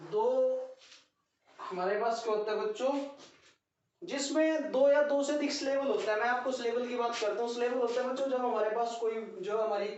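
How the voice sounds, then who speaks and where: Male grammar teacher who spells words out letter by letter and talks to the class as children. Heard from a distance in a booming, echoey classroom. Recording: very echoey, distant, dull lo-fi sound.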